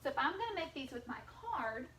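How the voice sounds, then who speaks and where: A woman's voice: high-pitched, sing-song, quick pace, bright, forceful tone, slight background noise. A woman teaching a phonics lesson to young children, patiently stretching out the sounds of words.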